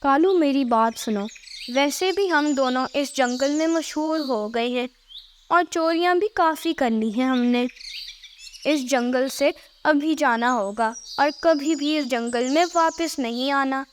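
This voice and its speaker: A woman's voice: sits high, unhurried, slight background noise. A woman voicing a scolding, sarcastic female bird thief in a cartoon, drawing out her mockery. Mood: bossy, planning. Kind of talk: cartoon character voice acting.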